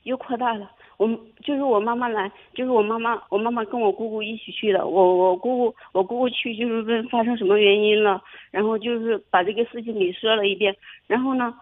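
A young woman calling in to a radio advice show, telling her story haltingly with many restarts. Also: fairly high pitch, steady tone. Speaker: caller. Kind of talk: phone-in advice call. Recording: tinny phone line.

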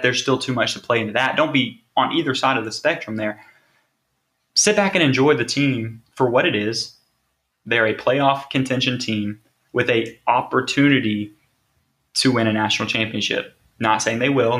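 A man's voice: mid-range voice, fairly bright tone. A man hosting a sports podcast, talking casually and driving points home with rhetorical questions. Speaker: podcast host.

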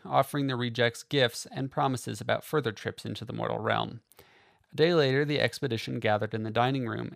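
A man reading a fantasy novel aloud in a steady, measured way. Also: mid-range voice, gravelly, dry recording, studio quality. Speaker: audiobook narrator. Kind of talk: scripted fantasy novel narration.

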